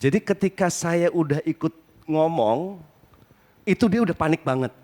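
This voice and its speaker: A man's voice: on the high side, moderate pace, darkish tone. A middle-aged man on a stage panel, telling a rambling personal story and correcting himself as he goes. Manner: rambling, self-correcting anecdote. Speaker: panel guest. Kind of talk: live stage talk.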